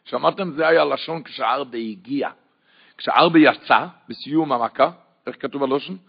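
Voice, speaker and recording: Gravelly preacher man, lo-fi. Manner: shifts between low murmured narration and loud high-pitched shouted quotes. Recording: dull lo-fi recording.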